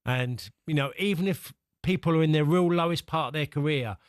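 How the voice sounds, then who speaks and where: A man working as a pundit, talking reflectively and conversationally, thinking aloud in a halting way. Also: on the high side, smooth, dry recording, clean studio sound.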